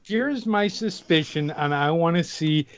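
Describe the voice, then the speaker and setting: A man's voice: on the high side, animated, measured pace, smooth, lo-fi sound. A man playing a tabletop roleplaying game, chatting casually in a hesitant, wry way with some swearing.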